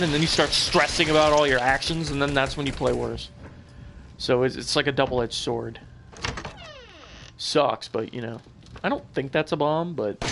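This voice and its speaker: A man's voice: mid-range voice, vocal fry, background noise. A young man giving casual gameplay commentary as a channel host, rambling and loose with lots of filler words and the odd swear.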